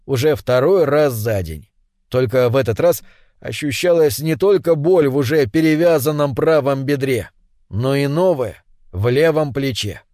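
A man narrating an audiobook in steady scripted storytelling. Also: medium pitch, no echo, clean studio sound.

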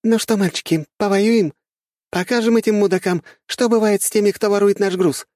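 A fierce, brash young heiress, put on by a male narrator barks commands in a high, loud, carrying voice. The sound is close and dry, with no room around it. She rallies her troops like it is a party. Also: normal speed, no echo, lightly acted. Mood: rallying. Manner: loud, commanding, gleeful battle cries. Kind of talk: audiobook character voice.

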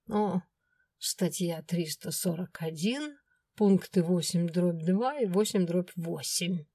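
A woman narrating a first-person fantasy audiobook with expressive storytelling. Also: fairly low pitch, slow, slightly rough, dry recording.

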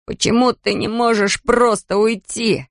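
A reader playing a sullen teenage boy in a storybook drama, resentful and quick to shout. His lines come out sharp and accusing. The recording is close and dry. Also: high-pitched, steady tone, gravelly, no room sound, pitched above the performer's own voice. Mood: resentful angry. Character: angry teenage boy fighting his mother.

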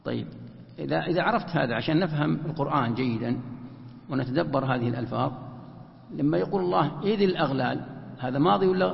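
A man's voice: a little high, vocal fry. A man teaching a Quran commentary lesson, who asks rhetorical questions and answers them himself. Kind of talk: explanatory religious lesson. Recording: echoey hall, muffled lo-fi sound.

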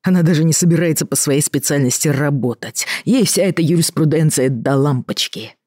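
Reader as a weary middle-aged doctor at the end of his rope; reproachful, husky, dry. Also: medium pitch, a little mellow, dry recording, natural voice. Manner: tired, reproachful, measured. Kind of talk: audiobook reading.

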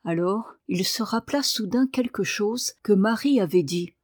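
A woman narrating a novel aloud in an expressive reading voice. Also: mid-range voice, moderate pace, slightly rough, no echo, clean studio sound. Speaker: audiobook narrator. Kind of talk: scripted narration.

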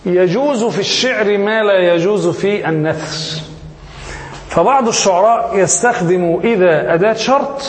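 A man teaching Arabic grammar as a sheikh, who keeps asking his class questions and answers them himself. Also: sits high. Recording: echoey hall with faint hiss.

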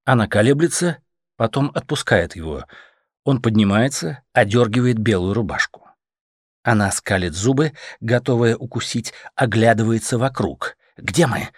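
Expressive male audiobook narrator. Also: medium pitch, moderate pace, no room sound, clean studio sound.

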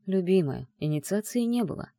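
A woman voicing a gentle, self-assured male mage who speaks in a soft, low, hushed murmur. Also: lively intonation, brisk, no echo, studio quality. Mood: tender, teasing.

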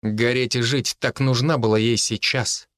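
A man narrating a first-person audiobook in a steady, earnest storytelling manner. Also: mid-range voice, normal speed, dry recording, studio quality.

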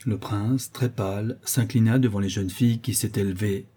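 A man narrating a classic novel aloud in a steady, measured way. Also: lowish voice, slightly rough. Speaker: audiobook reader. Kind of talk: audiobook narration.

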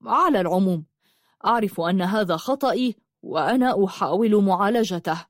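A woman voicing a gentle, soft-spoken young man, a writer, in a dry storybook reading. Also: medium pitch, animated, brisk, no echo, close to an everyday voice. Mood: calm.

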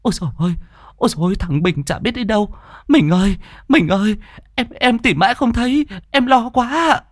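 Man doing a panicky young mom, high voice, keeps stuttering, can't find her kid. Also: lively intonation, a little fast, no room sound, studio quality. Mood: panicked. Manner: stammering, panicked. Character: frantic young mother searching for her lost son.

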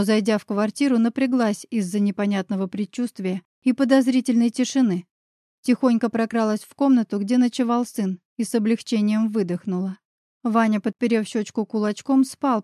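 A woman narrating an audiobook in the first person with a steady, even reading. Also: fairly high pitch, no echo, clean studio sound.

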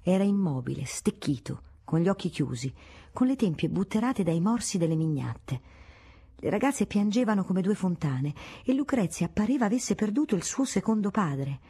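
A woman narrating a classic novel as an audiobook in a steady, measured storytelling manner. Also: mid-range voice, breathy edge.

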